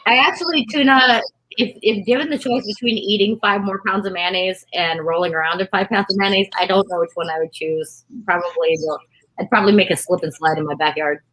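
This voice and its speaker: A woman's voice: fairly low pitch, fairly bright tone, low-quality recording. A woman chatting casually during an eating contest, telling anecdotes and peppering her talk with "like". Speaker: competitive eater.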